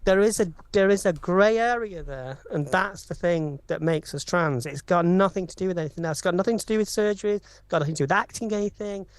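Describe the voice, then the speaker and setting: A woman's voice: fairly low pitch, fast talker, few pauses, no room sound. Emphatic opinionated woman. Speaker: podcast co-host. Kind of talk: live casual chat.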